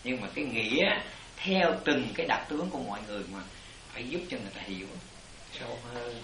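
Bright-voiced Buddhist teacher in an echoey room. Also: male voice, medium pitch, animated, fast talker, a little hiss or hum. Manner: rambling explanations, repeats "it" constantly. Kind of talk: dharma talk answering disciples.

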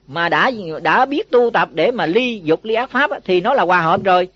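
A man's voice: high-pitched, animated, normal speed, no room sound. A man, a Buddhist monk teacher giving a folksy dharma talk to monks, often asking them questions. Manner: folksy, asks listeners questions. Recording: dull lo-fi recording.

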